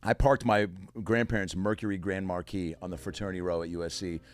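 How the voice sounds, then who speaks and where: A man casually telling profane stories on a podcast, animated and laughing as he goes. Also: low voice, a little fast. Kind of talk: casual storytelling.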